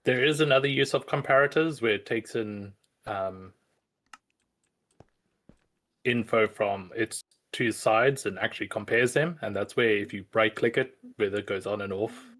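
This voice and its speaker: South African man, lower register, patient and halting guide on a voice call. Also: a bit bright. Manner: patient, explanatory, hesitant fillers. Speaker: player explaining game mechanics. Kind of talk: casual voice chat.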